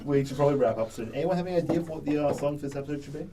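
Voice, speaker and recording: A man's voice: fairly high pitch, rapid-fire, recorded from a distance, noisy background. A man in his twenties co-hosting a casual student podcast, rambling and correcting himself as he goes. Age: 20s. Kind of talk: casual chat.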